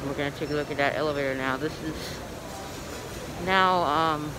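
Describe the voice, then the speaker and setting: A man's voice: on the high side, normal speed. A man filming and narrating a walk through an indoor shopping mall on his phone, talking to viewers with frequent ums. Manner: hesitant, many ums, talks to viewers. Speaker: vlogger filming elevators. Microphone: handheld phone camera. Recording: noisy mall ambience.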